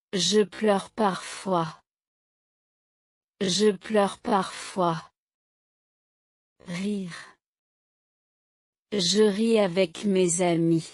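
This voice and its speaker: A woman teaching French vocabulary in a slow drill, saying each word and then a short sentence twice, clearly and deliberately. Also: mid-range voice, darkish tone, dry recording, studio quality. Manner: clear, deliberate, evenly paced.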